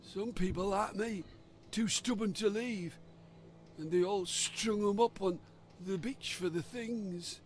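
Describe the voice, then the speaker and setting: A man's voice: high voice, takes it slowly, a little hiss or hum, voice pushed up. A man voicing a weary, emaciated old fisherman captive who speaks in a rustic, old-fashioned dialect. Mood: grim.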